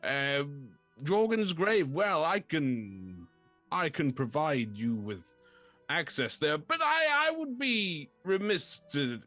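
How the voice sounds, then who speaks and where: A man's voice: a little high, big pitch swings, slow pace, sharp tone, faint music behind, pitched above the performer's own voice, full character voice. A man voicing a lonely, shy talking fort. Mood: wistful. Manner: politely formal and old-fashioned.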